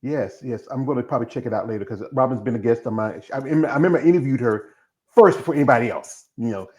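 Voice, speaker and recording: A man in his fifties hosts a live stream in a relaxed, talkative way, rambling, circling back, and leaping between tangents in an easy conversational flow. His voice is medium-pitched and somewhat dark, and he talks fast.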